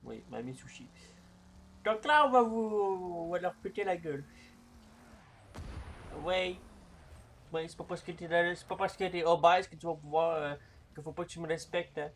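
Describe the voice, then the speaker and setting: A man commenting on his own gameplay in a casual, crude and joking way, going from shouts to mumbles. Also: on the high side, moderate pace, pauses often, slight background noise. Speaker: gaming YouTuber.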